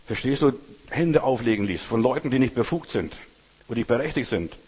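A man preaches with insistent emphasis, hammering home his points through repetition and asking his listeners direct questions. His voice is husky and mid-pitched. The sound rings with the long reverb of a large hall. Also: expressive, brisk, a little mellow. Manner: emphatic, repeats phrases for stress. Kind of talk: sermon.

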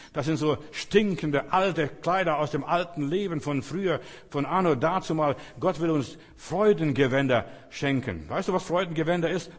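Emphatic preacher in a reverberant hall. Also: male voice, a little high, husky. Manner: emphatic, swings between loud exclamations and hushed tones. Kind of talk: sermon. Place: church hall. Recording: long church hall reverb.

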